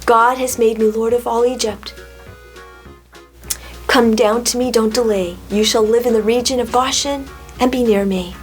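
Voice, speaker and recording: A grave, powerful man speaks slowly and solemnly in a children's storybook telling, voiced by a woman. The voice stays close to her own slightly high tone. Faint music sits behind. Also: fairly even intonation, lightly acted. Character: grave powerful man, ruler over his brothers.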